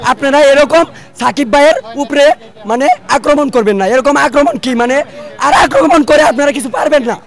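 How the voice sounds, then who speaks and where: A very high-pitched man with a Bangladeshi Bengali accent speaks emphatically to a street interviewer outside a cinema, repeating himself as an excited fan. A crowd murmurs faintly around him. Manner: repetitive, emphatic, fan enthusiasm. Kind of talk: excited street vox pop. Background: crowd chatter.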